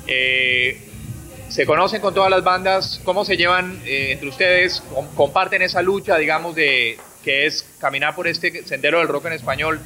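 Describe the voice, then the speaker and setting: A man's voice: on the high side, moderate pace, sharp tone. A man in his thirties interviewing a band with a handheld mic in a small club room, upbeat and friendly. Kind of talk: music TV interview. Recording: music playing behind.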